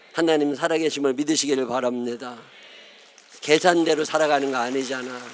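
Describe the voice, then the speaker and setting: A middle-aged man from Chungcheong province, speaking with a Chungcheong Korean accent, preaching a revival sermon as a pastor in folksy, joking storytelling. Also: a little high. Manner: folksy, joking, mutters and mimics others. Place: church sanctuary.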